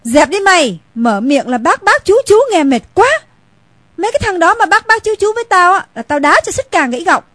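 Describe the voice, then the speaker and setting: Hot-headed young woman, brash and rapid, high lively voice, dry sound, played by a woman. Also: no room sound. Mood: angry. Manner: fast, brash, coarse talk. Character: fiery young woman, blunt and quick-tempered.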